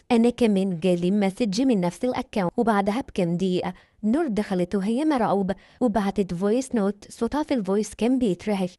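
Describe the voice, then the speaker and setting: A woman with an Egyptian Arabic accent narrating a scripted horror storytime, rushing through it in a breathless, suspense-building way. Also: medium pitch, mellow, dry recording, clean studio sound.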